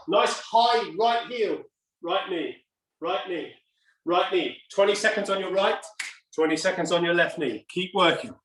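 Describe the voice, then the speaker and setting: A middle-aged man coaching a workout like a barking gym coach, energetic, in short urgent commands and countdowns. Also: sits high. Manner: energetic, exercising while talking. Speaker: fitness coach leading a workout class. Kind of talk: live HIIT workout instruction. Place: indoor home gym. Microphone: camera device a few steps away. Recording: roomy echo, distant mic.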